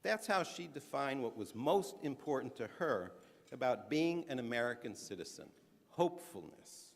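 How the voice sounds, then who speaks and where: At a conference, a man delivers a prepared speech to an audience in an earnest, measured way, stressing his points and occasionally restarting a phrase. His voice is medium in pitch and animated. The conference hall is large, giving the recording a long reverb.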